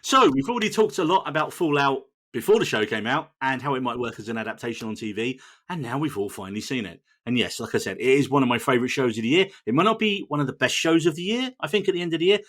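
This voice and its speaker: A man hosting a casual podcast chat, quick and chatty, swearing freely. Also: medium pitch, animated, a bit bright. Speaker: podcast host.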